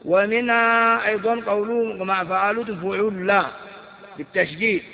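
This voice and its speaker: A man's voice: high-pitched, steady tone, moderate pace, creaky. A man teaching a grammar lesson, reciting word patterns and examples and asking his listeners questions. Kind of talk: Arabic grammar lesson explaining verbal noun patterns. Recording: dull recording with long hall reverb.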